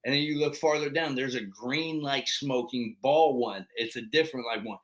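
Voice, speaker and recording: A high school football coach co-hosting a podcast, telling stories in casual, slangy chat and acting out other people's lines. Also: male voice, moderate pace. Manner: animated storyteller who acts out quoted voices.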